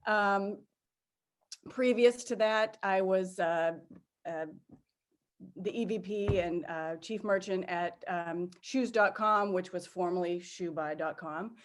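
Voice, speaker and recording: A woman's voice: medium pitch, takes it slowly. A middle-aged woman with a Boston-area New England accent, informally and self-deprecatingly introducing her career as an interview guest. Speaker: interview guest, sales executive. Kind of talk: casual spoken career introduction.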